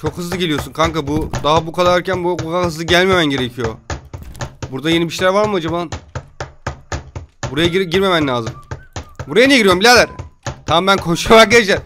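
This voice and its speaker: A man giving loud, jokey commentary while playing a video game. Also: a little high, fast talker, long pauses, background noise. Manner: loud, jokey, yelping reactions. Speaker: gamer streamer. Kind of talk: excited gameplay commentary.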